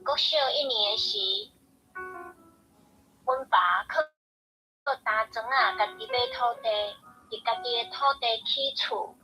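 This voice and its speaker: A woman taking her turn in a reading group, reading a text aloud with careful pauses. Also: a little high, bright, forceful tone, soft background music, rough recording. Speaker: reader in a language group.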